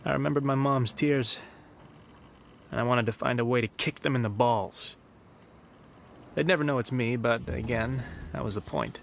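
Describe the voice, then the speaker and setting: A young man playing a hacker who narrates his scheme in a calm, wry voice-over. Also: medium pitch, moderate pace, gravelly, long pauses, a little hiss or hum, lightly acted. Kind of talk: scripted voice-over and dialogue. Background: film music.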